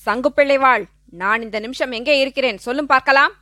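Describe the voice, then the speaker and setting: A woman voicing a vengeful young male outlaw who shouts threats through clenched teeth. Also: high voice, fast talker, no room sound, clean studio sound. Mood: menacing.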